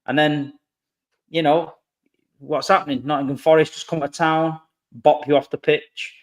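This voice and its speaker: A man's voice: on the high side, flat delivery, normal speed. A man ranting sarcastically about football in casual, mocking banter full of slang.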